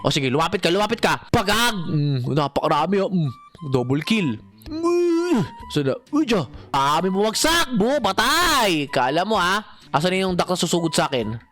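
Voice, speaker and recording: Man, young, gaming commentary, high voice, very lively swings, faint music behind. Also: normal speed. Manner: animated, talks to viewers and his in-game dog, frequent shouts. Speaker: gaming channel host. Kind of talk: excited gameplay commentary.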